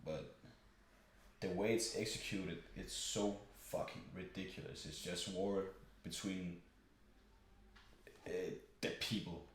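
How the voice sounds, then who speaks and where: A man's voice: deep voice, fairly even intonation, slow pace, pauses often. A young man in casual conversation, talking in a rambling, profane way with many fillers. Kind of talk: casual chat. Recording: very echoey room with faint noise.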